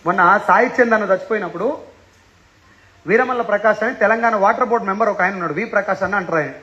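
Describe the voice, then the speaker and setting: Male seminar speaker, Telangana accent, bright and forceful, teasing rhetorical style, lo-fi sound. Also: high-pitched, quick pace. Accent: Telangana Telugu. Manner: teasing, fires rhetorical questions at listeners. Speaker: motivational speaker addressing an audience. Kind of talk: lively seminar talk.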